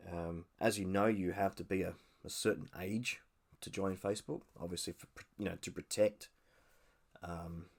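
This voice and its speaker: An Australian man hosting a casual solo podcast, speaking in a nasal voice and hesitating with many ums and restarts. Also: low-pitched. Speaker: podcast host.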